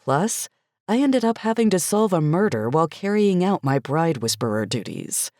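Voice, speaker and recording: A woman reading a first-person cozy mystery audiobook as an expressive, light storytelling narrator. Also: on the low side, normal speed, no echo, clean studio sound.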